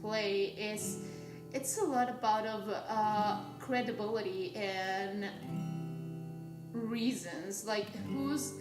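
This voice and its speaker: A woman's voice: medium pitch, slow. A woman from Mexico, a playwright and actor, speaking thoughtfully in a documentary interview. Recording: roomy with guitar music. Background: guitar music.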